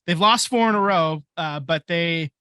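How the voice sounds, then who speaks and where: Brief: male podcast co-host, high and bright, matter-of-fact stats guy. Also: normal speed, clear, resonant tone. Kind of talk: casual sports chat.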